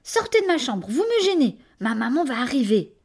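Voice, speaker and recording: A woman's voice: high voice, sing-song, moderate pace, a little mellow, heavily acted. A woman voicing a stubborn, defiant little boy in a storybook reading, insistent and raised.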